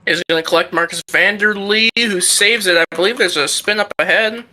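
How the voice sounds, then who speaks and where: A man's voice: high-pitched, brisk, sharp tone. A man co-commentating on a live motor race in an informal, conversational way. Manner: informal, conversational, joking asides.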